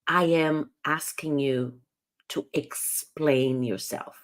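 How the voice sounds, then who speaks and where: Woman, communication coach, live talk; low pitch, slow, earnest explainer who restarts phrases. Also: steady tone.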